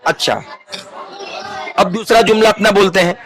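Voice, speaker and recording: A man teaches a grammar class in a high, bright register. He prompts the students line by line in a call-and-response drill and urges them to say it louder. Music plays clearly in the background. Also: steady tone.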